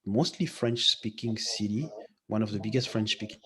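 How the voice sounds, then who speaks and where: A man's voice: fairly low pitch, normal speed, crowd noise. A man in his thirties from Belgium, a guest on a video-call interview, speaking hesitantly with many fillers from a room at home.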